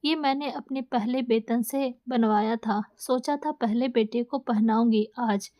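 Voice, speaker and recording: A woman voicing a gentle older village mother in a storybook reading, speaking softly and with feeling. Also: a little high, a little slow, highs cut off, lightly acted. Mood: tender.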